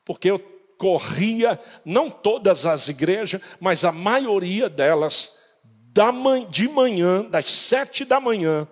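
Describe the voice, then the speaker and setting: A man preaching a sermon as pastor, telling a story dramatically and rising to shouts at the peaks. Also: high-pitched, big-room sound. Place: church.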